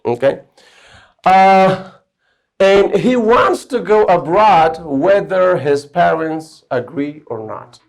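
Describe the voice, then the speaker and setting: A man teaches English grammar to a room of students in a somewhat high voice. He works through each rule step by step. He keeps stopping to ask whether they have got it. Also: lively intonation, slow pace, creaky. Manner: explains step by step, often checks understanding. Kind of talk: classroom grammar lesson.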